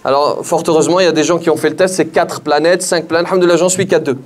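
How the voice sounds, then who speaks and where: A man's voice: on the high side, steady tone, faint music behind. A man giving a religious conference lecture, speaking straight to the audience, repeating key phrases for emphasis, with hesitations and restarts. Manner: measured, with frequent hesitations and restarts.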